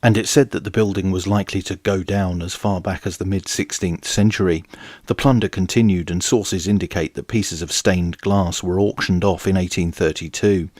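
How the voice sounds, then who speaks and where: Man, forties, very low voice, dry close voice-over, measured documentary narration. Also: fairly even intonation, darkish tone, no room sound. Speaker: history channel host.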